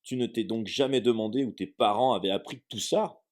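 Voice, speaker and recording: A man reading aloud, voicing a huge, hot-tempered male half-giant groundskeeper with booming outbursts. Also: moderate pace, natural voice.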